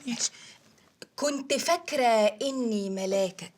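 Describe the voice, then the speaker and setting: A woman's voice: fairly high pitch, a little slow, slight background noise, lightly acted. An actress playing a woman who overacts a lovesick heroine in a radio play. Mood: coy.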